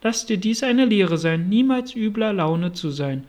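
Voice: mid-range voice, animated, unhurried, darkish tone, close to an everyday voice. A reader voicing a moralizing old mother toad.

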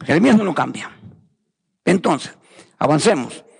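A man's voice: fairly high pitch, lively intonation, normal speed, creaky, husky, in a large hall. A man preaching a fervent sermon, repeating phrases and calling his listeners brothers. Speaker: pastor.

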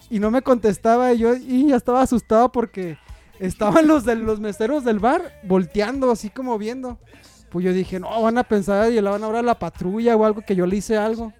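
A man's voice: sits high, darkish tone. A young Mexican man with a Mexican Spanish accent, telling a rambling personal anecdote in casual chat, full of slang and fillers.

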